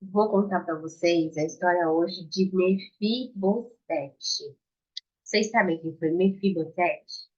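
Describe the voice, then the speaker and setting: A Brazilian woman giving an informal Bible story lesson to children, explaining simply in halting phrases with questions to her young listeners. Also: lowish voice, a little mellow. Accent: Brazilian Portuguese. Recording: dull lo-fi sound.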